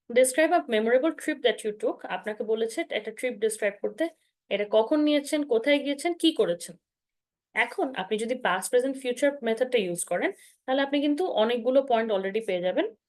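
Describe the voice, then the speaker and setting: A fairly high-pitched woman with a Bangladeshi accent leads an online exam-preparation class. She explains each strategy patiently, mixing English terms into her speech and pausing to check that her listeners follow. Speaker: IELTS instructor. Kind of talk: online masterclass teaching.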